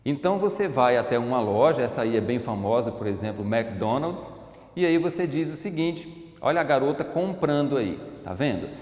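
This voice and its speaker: A man from Brazil teaching an English class, explaining and slowly repeating words for his students. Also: medium pitch, animated, a little mellow. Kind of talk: recorded online class lesson. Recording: echoey room with long reverb.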